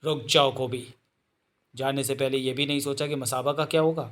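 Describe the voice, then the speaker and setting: A man's voice: medium pitch, fairly even intonation, normal speed, natural voice. A man voicing a stubborn, loving girl who speaks insistently and reproachfully.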